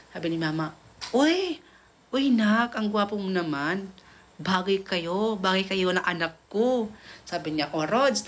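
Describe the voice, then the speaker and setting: A woman's voice: on the low side, a bit bright, a little hiss or hum. A woman casually telling a gossipy story, quoting both sides of each conversation.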